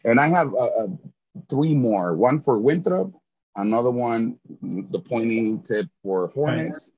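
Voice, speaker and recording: In a casual interview chat, an enthusiastic middle-aged Mexican guest with a Mexican Spanish accent tends to repeat words as he starts each thought. He speaks expressively and unhurriedly, his medium-pitched voice darkish and slightly rough, captured in dull lo-fi audio.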